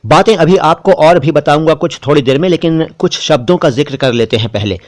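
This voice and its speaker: A man, hosting a spelling lesson and explaining words slowly and carefully, letter by letter. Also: fairly high pitch, a little mellow. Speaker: Urdu language teacher.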